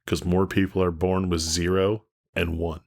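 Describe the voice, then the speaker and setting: A man's voice: low voice, level tone, moderate pace, creaky, a little mellow. A man co-hosting a podcast, chatting casually in a laid-back way, laughing often and agreeing along. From United States. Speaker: podcast co-host. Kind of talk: casual chat.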